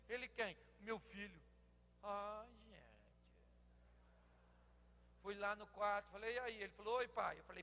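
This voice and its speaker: High gravelly Brazilian pastor preaching. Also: male voice. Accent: Brazilian Portuguese. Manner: animated storytelling, acts out dialogues, bursts into shouting. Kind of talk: humorous sermon. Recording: long hall reverb.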